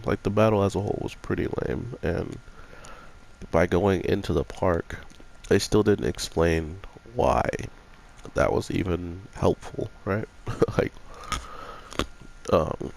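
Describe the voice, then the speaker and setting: Sniffling through a cold, a young man chats about an anime episode in a low-ish, gravelly, somewhat mellow voice. His talk is rambling and casual, full of "like" and "you know."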